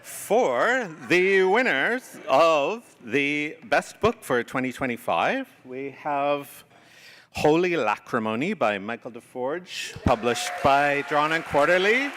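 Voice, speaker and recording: A man presenting an award in a self-mocking deadpan way, in a hall with a live audience. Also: fairly high pitch, slow. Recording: crowd and noise in a reverberant hall.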